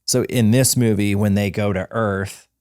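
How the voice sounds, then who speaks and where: A man's voice: on the low side, fairly even intonation, measured pace, a little mellow, smooth, no room sound. Rambling man in his forties, dry mic. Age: 40s. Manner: rambling, full of fillers and restarts. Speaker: podcast co-host. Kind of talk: casual chat.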